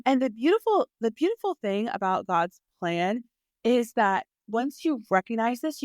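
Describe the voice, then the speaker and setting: A woman in her forties, a podcast host and dating coach, speaks at a medium pitch in a clean, studio-quality recording with no echo. She gives an earnest, emphatic faith-based motivational talk, calling the listener "sis" in an intimate way and repeating phrases for emphasis.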